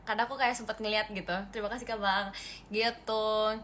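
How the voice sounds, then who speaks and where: A seventeen-year-old girl from Indonesia chats casually on a livestream, going through comments and thanking viewers individually with bits of English sprinkled in. Her mid-range voice is level, a little fast and a bit bright, against slight background noise.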